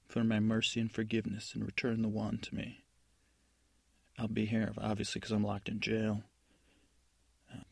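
Man playing a stern warning godmother, gravelly, husky, dry close sound. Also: fairly low pitch, no room sound. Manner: stern warnings, rambling restarts. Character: stern jailed fairy godmother, woman, threatening.

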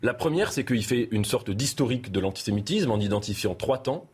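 A man speaking as a guest on a TV debate panel, building measured, essayistic arguments. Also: medium pitch, expressive, a little mellow, slightly rough.

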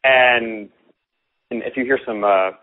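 Over a tinny, phone-like line, a male guest who coaches on copywriting speaks slowly in a medium-pitched voice during a casual interview chat. He explains earnestly and often repeats words as he begins his sentences.

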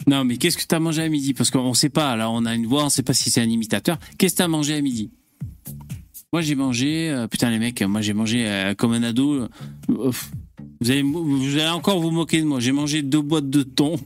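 A man's voice: mid-range voice, fairly quick, soft background music. A man hosting a casual live-stream chat, loose and profane, with lots of fillers. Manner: loose, swears often, trailing fillers. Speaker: host.

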